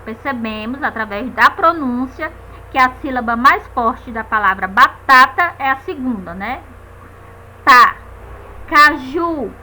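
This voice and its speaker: A woman's voice: sits high, lively intonation, moderate pace, bright, forceful tone, a little hiss or hum, poor audio. A woman teaching a grammar lesson, patiently checking in with her students and stretching out the stressed syllables of example words.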